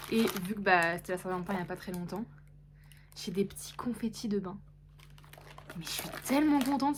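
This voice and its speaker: A woman's voice: mid-range voice, a little hiss or hum. Chatty young French woman vlogging. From France. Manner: chatty, excited, fillers like genre and du coup. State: just woken up, tired. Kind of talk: casual vlog chat.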